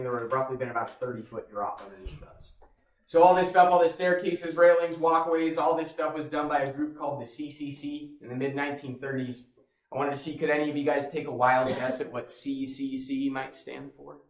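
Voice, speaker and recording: A man working as a cave tour guide, talking casually and jokingly to a group in an echoing cave. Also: medium pitch. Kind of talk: informal guided tour talk. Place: inside a large cave.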